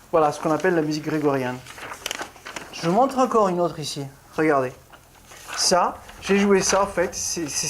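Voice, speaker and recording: Middle-aged ballet pianist explaining stuff, lots of restarts, mid-pitched voice, a bit of hiss behind. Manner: halting, with many restarts and repeated words; explains while demonstrating rhythm and breathing. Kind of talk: casual video lesson.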